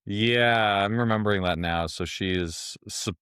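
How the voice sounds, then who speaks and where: A man's voice: fairly low pitch, unhurried, a bit bright, clear, resonant tone. A man co-hosting a podcast, chatting about a book in a hesitant, thoughtful way. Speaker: podcast co-host. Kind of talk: casual book discussion. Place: recording studio.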